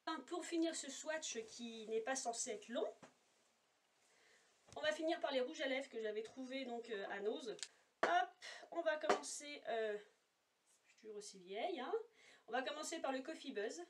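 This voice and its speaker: This woman's voice is high-pitched, at normal speed, with long pauses and a faint hiss or hum in the background. She's a beauty vlogger doing a casual makeup swatch vlog at home, chatty and rambling with frequent fillers, speaking to a separate camera with no monitor, her voice a little distant from the mic.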